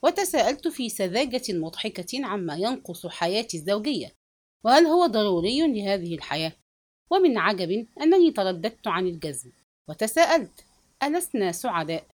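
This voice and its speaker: A woman giving an expressive literary narration of a novel as an audiobook reader. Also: medium pitch, a little fast, dry recording.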